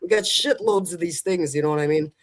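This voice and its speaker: Briskly and in a fairly high voice, the host of an advice call-in show keeps things colloquial and chatty. He frequently checks that listeners are following and looks for their agreement.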